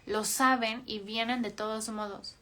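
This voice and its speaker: A woman's voice: on the high side, steady tone, measured pace, sharp tone. A woman reading aloud in the voice of a judgmental middle-aged mother, stiffly polite and lecturing.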